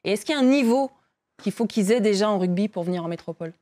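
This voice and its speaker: Woman host, brisk questions, rapid delivery, mid-pitched voice. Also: expressive, dark tone. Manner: quick, probing, sums up guests' points. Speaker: radio show host. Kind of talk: conversational studio talk show.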